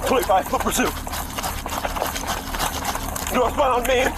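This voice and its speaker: Man shouting police radio callouts in pursuit. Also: extremely high pitch, takes it slowly. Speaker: police officer. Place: outdoors on a city street. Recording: distant bodycam audio with loud street noise.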